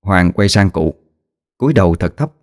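A man narrating a story in a measured, plain reading voice. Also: sits low, animated, darkish tone. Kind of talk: audiobook narration. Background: faint music.

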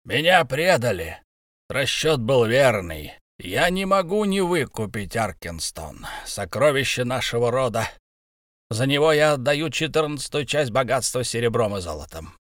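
A grim, wrathful dwarf king, read by a male narrator in a plain mid-pitched voice. He speaks with stiff pride and harsh edges. The sound is dry and close, like a storybook reading. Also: sing-song, normal speed, fairly bright tone, no echo. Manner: stern, proud, harsh.

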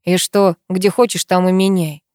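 A woman's voice: on the low side, level tone, moderate pace, darkish tone, dry recording, close to an everyday voice. Woman reading the part of a cruel, controlling husband, hissing and mocking, menacing tone, dry close sound, audiobook drama. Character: brutal controlling husband, adult man.

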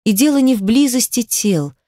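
A woman reading a first-person romance novel aloud in an intimate, expressive way. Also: on the high side, normal speed, no room sound, clean studio sound. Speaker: audiobook narrator.

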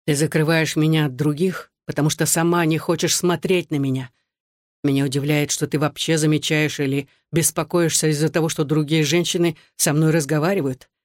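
A reader voicing an anguished, bitter soldier husband who speaks low and clipped through gritted teeth, in an audiobook. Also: male voice, flat delivery, fairly quick, no room sound, clean studio sound, close to an everyday voice. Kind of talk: audiobook dialogue.

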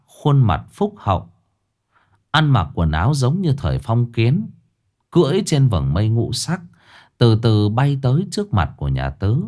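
Guy reading a ghost story, super lively up and down voice, mid pitch, dramatic. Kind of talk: scripted ghost story narration.

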